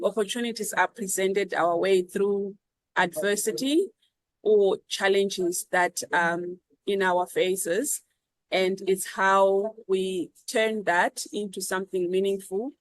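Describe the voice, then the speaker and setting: A Zimbabwean-accented woman answering interview questions in an earnest, measured way, with many ums and repeats. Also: medium pitch, no room sound, rough recording. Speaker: guest.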